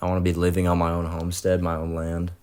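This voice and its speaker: A man's voice: deep voice, completely flat delivery, quick pace, darkish tone, clear, resonant tone. A man around twenty, co-hosting a casual podcast chat in a blunt, matter-of-fact way. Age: 20s. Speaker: podcast co-host.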